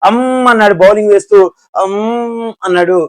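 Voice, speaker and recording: Man, Telugu accent, Hindi teacher, high pitch, dry recording, quizzes himself and answers. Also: fast talker, no echo. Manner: repeats each syllable, asks and answers himself. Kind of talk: classroom lesson.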